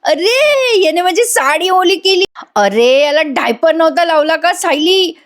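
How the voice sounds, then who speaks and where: A woman voicing a fussy, scheming young woman who complains in a high-strung way. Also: moderate pace, natural voice. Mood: whiny upset.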